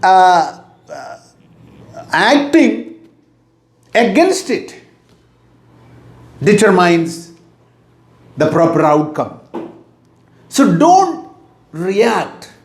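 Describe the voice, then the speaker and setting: Slow, high-voiced Indian English speaker. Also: male voice, big pitch swings, gravelly. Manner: slow, deliberate, repeats key phrases. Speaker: motivational teacher. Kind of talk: motivational talk. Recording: echoey room.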